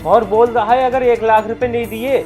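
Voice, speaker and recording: A man's voice: extremely high pitch, steady tone, moderate pace, a little mellow. Man playing an agitated young husband. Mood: irritated. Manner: irritated, agitated. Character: young husband caught in a dowry blackmail, man. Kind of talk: web-series family drama acting. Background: background music.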